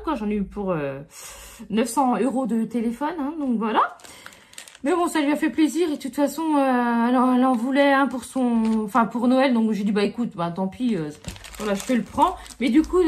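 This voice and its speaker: A woman's voice: high voice, darkish tone. A middle-aged woman chatting casually through a haul review, full of fillers and asides to her viewers. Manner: chatty, many fillers like euh and franchement. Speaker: beauty vlogger.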